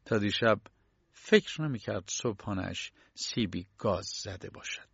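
A man reads a story aloud as an audiobook narrator, in a steady, even manner. The sound is dull and lo-fi. There is no room reverb. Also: on the low side, gravelly, slightly rough.

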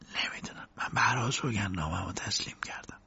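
A man's voice: medium pitch, lively intonation, mellow, husky. A man voicing a nervous, timid accused man who stammers, in a dull lo-fi recording. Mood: whispering.

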